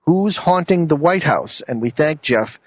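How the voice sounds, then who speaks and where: A man's voice: on the high side, expressive, unhurried. A man hosting a radio talk show, giving announcements and sponsor reads. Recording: dull lo-fi radio audio.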